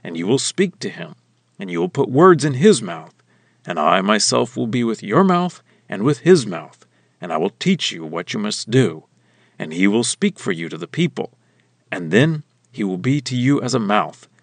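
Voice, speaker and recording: A man voicing a stern, commanding male god in a slow, weighty scripture reading. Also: fairly low pitch, very animated, no echo.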